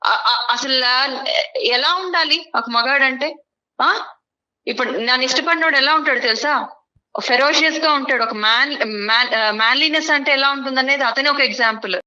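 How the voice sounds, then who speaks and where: Bright, firm young woman guest. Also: high-pitched, moderate pace, muffled recording, slight background noise. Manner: firm, lecturing. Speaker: guest on counseling show. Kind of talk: studio talk show dispute.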